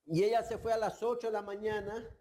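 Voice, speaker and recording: A man preaches from the pulpit with a fairly high-pitched voice. His tone stays dark and warm rather than bright. He tells the story as a pastor would, slowing down to stress the words that matter. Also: little pitch movement, low-quality recording. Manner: storytelling preacher, slow emphatic delivery. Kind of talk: sermon.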